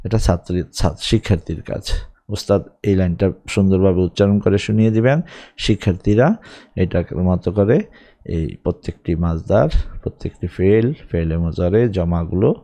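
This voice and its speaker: Speaking in a deep, dark-toned voice with a Bangladeshi Bengali accent, a man teaches Arabic grammar, reciting verb forms slowly before explaining them at a brisk clip.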